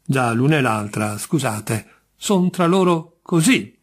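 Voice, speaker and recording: A patient, wearily kind judge, as a male reader puts him on, coaxing and reasonable. The husky voice sits higher than plain talk and stays mild even when exasperated. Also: slow.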